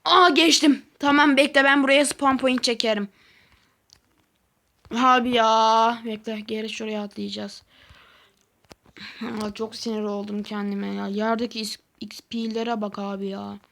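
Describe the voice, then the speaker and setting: Playing a game on her channel, this woman narrates to herself, getting excited and easily frustrated. She sounds a little high and creaky, and she takes her time.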